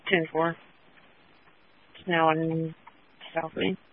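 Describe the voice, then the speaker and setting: A man speaks in clipped radio codes over a two-way radio, his voice a little high and held flat. The transmission is tinny and thin, with a faint hiss and clicks underneath. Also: slow. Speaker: officer on radio.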